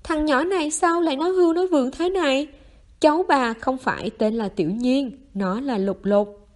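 A woman's voice: high-pitched, moderate pace, a little mellow, pitched above the performer's own voice, natural voice. A woman voicing a stubborn, forgetful old grandmother who scolds crankily in a story reading. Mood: cranky scolding.

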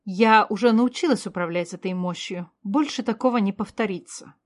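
A woman reading aloud voices a young sorceress who answers quietly and caustically. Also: mid-range voice, normal speed, close to an everyday voice. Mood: caustic.

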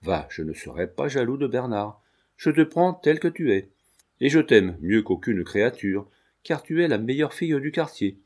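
A man's voice: medium pitch, sing-song, moderate pace, darkish tone. A man reading a young male tailor who earnestly and tenderly pleads his love. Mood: pleading.

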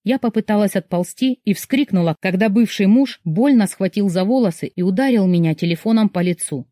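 A woman narrating a dark first-person novel as an audiobook, reading with tense emotion. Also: medium pitch, fairly quick, no echo, clean studio sound.

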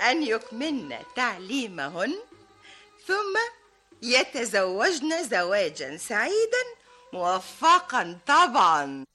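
A woman co-hosting a scripted literary radio program in formal classical Arabic. Her voice is slightly high and very lively in pitch, with soft music faintly behind her. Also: takes it slowly. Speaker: radio co-presenter.

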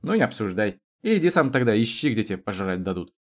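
A man's voice: lowish voice, big pitch swings, fast talker. A man doing a cheeky, coarse young student. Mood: mocking. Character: thin, blunt young male student, townsman class.

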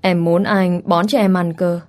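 A woman's voice: fairly low pitch, steady tone, measured pace, darkish tone, lightly acted. Woman reading a pouty young wife. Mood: coaxing. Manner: coaxing, sweetly whiny.

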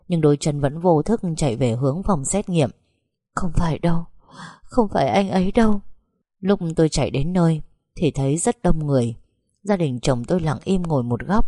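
A woman narrating an emotional first-person story for an audiobook, slow and heartfelt, on a close mic. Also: deep voice, warm tone, no echo.

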